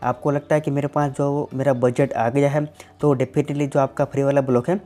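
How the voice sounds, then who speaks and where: Fielding viewer questions on his tech channel, a Gujarati-speaking man from Gujarat, India explains things plainly and leans on the words "definitely" and "simply." His warm, mellow voice sits at medium pitch with a level tone and moderate pace, over faint background music.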